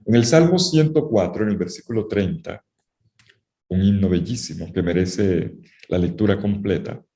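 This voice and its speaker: A man's voice: sits low, moderate pace, warm tone, reverberant. A man teaching a university Bible class, emphatic, repeating his key phrases and speaking straight to the students. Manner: addresses students directly. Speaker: Bible lecturer.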